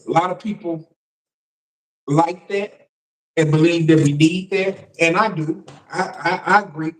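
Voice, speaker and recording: A man hosting a live political news stream as a shock jock, talking casually to viewers in a halting way and repeating words. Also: a little high, fairly even intonation. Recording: roomy echo, distant microphone.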